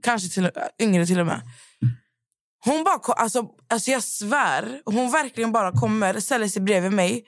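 A woman's voice: mid-range voice, no echo, studio quality. A woman with a Swedish accent, a podcast host telling stories in casual chat and acting out what people said. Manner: animated storyteller acting out quotes.

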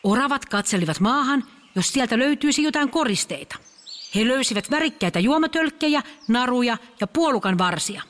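A woman narrating a children's audio story in a lively storytelling way. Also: on the high side, big-room sound, a little hiss or hum.

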